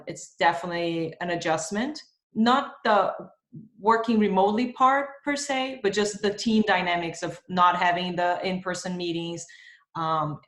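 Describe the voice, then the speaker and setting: A woman's voice: fairly low pitch, fairly bright tone, reverberant. Thoughtful Brazilian-born woman on a video call. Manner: thoughtful, many fillers. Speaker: marketing executive guest. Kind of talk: remote video interview. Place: home in Spain.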